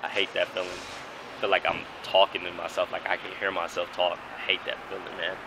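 A man's voice: sits low, completely flat delivery, brisk. A young man in a casual road-trip vlog, talking loosely in slang to a handheld camera in a car and on the street. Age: young adult. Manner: loose slangy talk with frequent laughs. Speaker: vlogger. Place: car, gas station and city streets outdoors. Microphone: handheld camera at arm's length. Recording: street and car noise behind.

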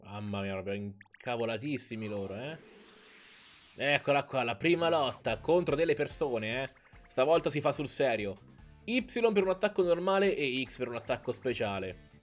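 A man's voice: a little high, lively intonation, normal speed, faint music behind. A man casually commentating a video game in a playful, joking way, explaining details to his viewers. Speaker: let's play host.

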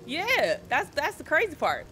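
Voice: high voice, wildly swooping pitch, measured pace, music in the background. A streamer in casual voice chat during a team game, giving short, hesitant replies.

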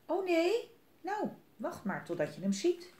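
A woman's voice: very high voice, huge pitch swings, measured pace, warm tone, a little hiss or hum, pitched above the performer's own voice, exaggerated voice. A woman voicing a small, clever, boastful mouse in a children's storybook reading, with a cheeky, self-assured manner. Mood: cocky. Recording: roomy echo.

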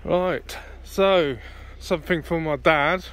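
Out on a grassy car show field, a British car show vlogger gives casual, matey, off-the-cuff commentary into a handheld phone. His voice is a little high, fairly bright and smooth, and he takes it slowly. He's chatty and friendly throughout.

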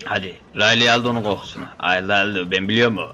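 A man's voice: on the low side, fairly even intonation, fast talker, pushed and bright, lo-fi sound. A young man giving casual, joking commentary while playing a shooter game, bantering with the characters on screen. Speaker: gameplay commentator.

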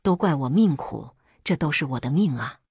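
A woman storyteller voicing a timid, sorrowful young wife who talks in a resigned, mournful way, with a husky voice. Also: low voice, expressive, normal speed, darkish tone, no room sound, studio quality, full character voice.

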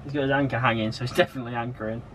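A man in his thirties with a mid-pitched voice, sitting in a sailboat cockpit and chatting in a dry, sardonic way. He grumbles quietly and often drops his voice low. The recording is outdoors, with steady wind and boat noise clearly audible. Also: rapid-fire. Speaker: sailing vlogger, skipper. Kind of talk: casual chat. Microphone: camera mic from a short distance.

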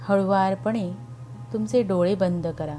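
Very slow, mellow woman guiding meditation. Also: mid-range voice. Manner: calm, soothing, unhurried with long pauses. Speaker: guided meditation narrator. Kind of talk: slow guided meditation narration. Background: background music.

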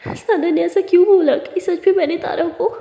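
A woman's voice: very high voice, steady tone, normal speed, mellow, voice pushed up. A woman voicing a young college woman full of guilt, questioning herself anxiously and mixing English words into her talk. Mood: guilty, anxious. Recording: echoey room with long reverb.

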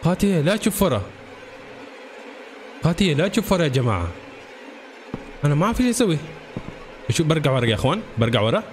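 A man's voice: fairly high pitch, rapid-fire, pauses often, faint music behind. Jumpy gaming man. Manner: jumpy, excitable, keeps addressing viewers. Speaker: gaming channel host. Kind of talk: horror game let's-play commentary.

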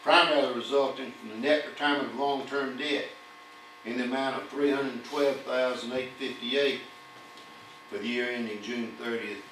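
An older man reads through long lists of figures from an audit report to a town council, steady and formal with occasional fillers. His medium-pitched voice stays steady at a moderate pace with a fairly bright tone. The podium mic and far camera yield echoey, distant room audio with hum.

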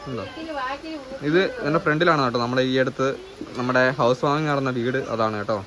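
A man, chatting to camera as a family vlogger at home during heavy rain. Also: medium pitch. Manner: chatty, tells the family news with a laugh. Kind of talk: casual vlog chat to camera. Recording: outdoor mic with loud noise.

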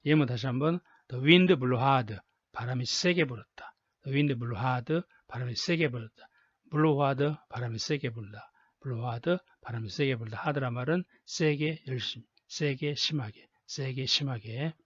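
A man's voice: medium pitch, unhurried, husky, dry recording. Man teaching basic english, says everything twice, dry slightly muffled recording. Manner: patient, drills words by repeating them. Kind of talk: slow repetitive lesson narration.

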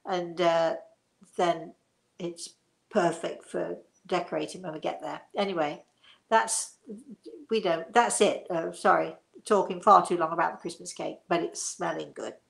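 A woman in her sixties hosts her own show from a living room, chatting casually, rambling and effusive as she wanders onto tangents. Her gravelly voice is fairly low and steady, a little slow.

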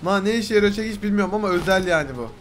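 Excitable young man yelling over gameplay. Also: high-pitched, very fast, a little hiss or hum. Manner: loud, swears often, bursts into yelps and shouts. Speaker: gaming video host.

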